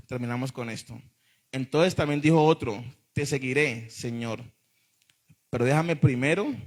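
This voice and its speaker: A man, a pastor preaching a sermon to a congregation in church, emphatic and often calling out to the listeners. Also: medium pitch.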